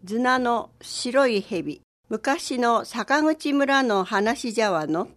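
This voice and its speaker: A woman narrating a traditional folk tale in a gentle, rural dialect. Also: a little high, animated, slow pace.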